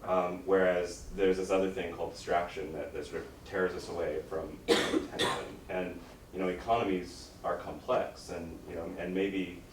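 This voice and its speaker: A man questioning as an academic examiner, informal and halting, softening his critique as he builds toward a question. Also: low voice, level tone. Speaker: academic examiner at a dissertation defense. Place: echoey room, recorded from a distance. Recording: echoey room, distant mic, faint noise.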